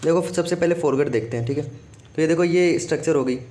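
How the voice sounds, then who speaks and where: A man's voice: on the high side, brisk, mellow. A man teaching a biology lesson for exam prep, who keeps repeating "okay" and asks himself questions before answering them.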